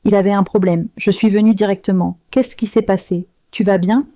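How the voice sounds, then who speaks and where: A woman's voice: mid-range voice, steady tone, moderate pace, dark tone, no echo, natural voice. A woman voicing a flustered husband. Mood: anxious. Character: bewildered husband returning in a hurry.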